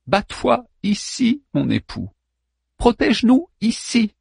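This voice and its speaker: A man voicing a desperate young princess who pleads with her warrior husband in a high, strained voice. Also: huge pitch swings, slow, creaky, darkish tone, breathy edge, no echo, clean studio sound, full character voice. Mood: urgent. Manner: pleading then fierce and bitter.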